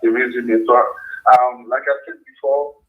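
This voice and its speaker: A man's voice: mid-range voice, fairly even intonation, unhurried. A man with a French accent, a French native speaker, talking carefully over a video call as a guest in a career coaching session. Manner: careful, hesitant speech with restarts. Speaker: job-seeking guest. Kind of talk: live-stream coaching conversation. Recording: muffled remote call audio.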